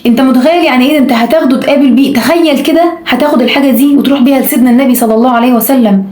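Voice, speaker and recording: Fast, emphatic Egyptian woman preaching. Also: sits high, a little mellow, roomy sound. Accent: Egyptian Arabic. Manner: emphatic, repetitive urging. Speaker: religious speaker. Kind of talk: religious exhortation to camera.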